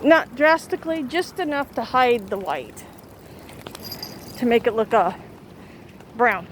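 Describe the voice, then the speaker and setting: A woman chatting casually and haltingly to her vlog viewers, outdoors in strong wind. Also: on the high side. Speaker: vlogger. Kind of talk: casual rambling vlog chat. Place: outdoors in windy weather. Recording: loud wind noise, outdoors.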